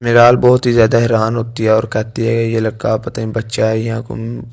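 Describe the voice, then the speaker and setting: A man's voice: on the low side, gravelly. A man retelling a drama's plot in a plain storytelling narration. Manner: monotone retelling with restarts.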